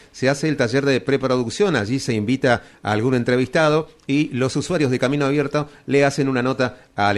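Plain-voiced male radio host. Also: medium pitch. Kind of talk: live community radio hosting.

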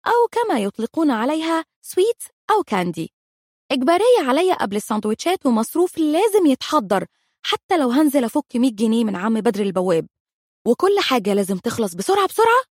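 Animated Egyptian woman telling comic stories. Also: fairly high pitch, fast, husky, dry recording, studio quality. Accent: Egyptian Arabic. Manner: dramatic, exaggerated self-mockery. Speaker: mother of three. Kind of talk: comic storytelling.

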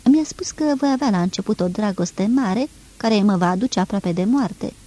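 A woman reading an audiobook, voicing a tender, fearful young woman in love with a soft, pleading manner. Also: mid-range voice, lively intonation, natural voice, poor audio.

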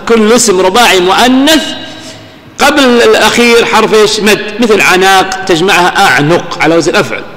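A man, speaking in a high voice, lectures on grammar. He quizzes his listeners with rhetorical questions and slows down to recite verses. His voice rings through a hall with a long, lingering reverb. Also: a bit bright. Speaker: grammar teacher. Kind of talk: recorded classroom lecture.

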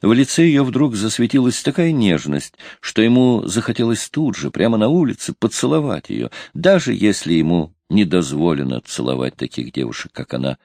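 A man narrating a novel as an audiobook reader, with an expressive reading. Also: lowish voice, normal speed, hardly any pauses, no room sound, studio quality.

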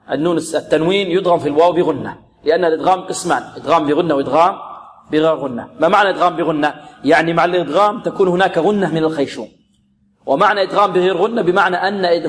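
A man teaching Quran recitation rules, patiently drilling each sound slowly and answering his own questions. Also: fairly high pitch, in a large hall. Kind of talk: tajweed lesson with recited examples.

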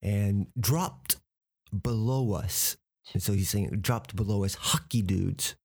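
A man's voice: on the low side, takes it slowly, gravelly, darkish tone. An American man teaching English vocabulary, patiently breaking words into pieces and spelling them out for a learner. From United States. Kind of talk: explaining vocabulary from a TV clip.

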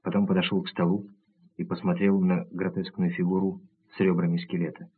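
A man narrating an audiobook in the first person, measured and even, on tinny narrow-band audio. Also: low voice, breathy edge.

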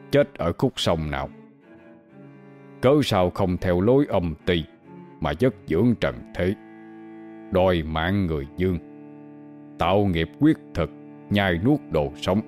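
A man's voice: deep voice, a little mellow. A man voicing a stern exorcist interrogating a ghost in solemn, archaic speech. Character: stern old male exorcist, commanding.

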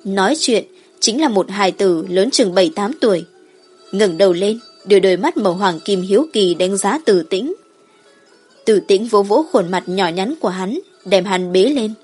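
Husky woman narrating a fantasy audiobook. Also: medium pitch, normal speed, a little mellow, faint music behind. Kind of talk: scripted fantasy story narration.

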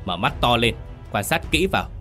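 A man voicing a calm, blind young female spirit medium in a ghost story, speaking coolly and matter-of-factly. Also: mid-range voice, soft background music, pitched above the performer's own voice. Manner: cool, unhurried, matter-of-fact.

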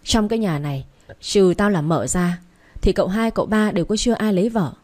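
A woman reading the part of a harsh, spiteful senior wife who scolds in a shrill, hissing way, in a narrated story. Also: a little fast, darkish tone, lightly acted. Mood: scolding.

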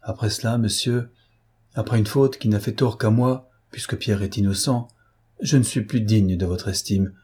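A man's voice: lowish voice, fairly even intonation, normal speed, mellow, husky. A man reading an audiobook and voicing a young, impulsive woman who speaks earnestly and shyly. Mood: remorseful. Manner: confessing earnestly, then shy and tender. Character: impulsive young woman, tearful then happy.

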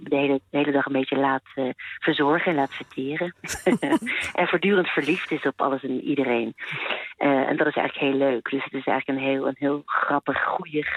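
A woman's voice: rumbling low, narrow, tinny audio. Playful woman, voice actress guest. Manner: playful, laughs often. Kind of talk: casual radio chat.

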